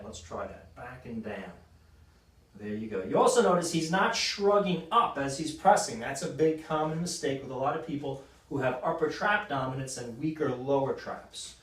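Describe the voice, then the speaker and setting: A man, a sports injury doctor, explaining an exercise and coaching a client through repetitions. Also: fairly high pitch. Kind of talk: exercise demonstration. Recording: roomy echo, mic at a distance.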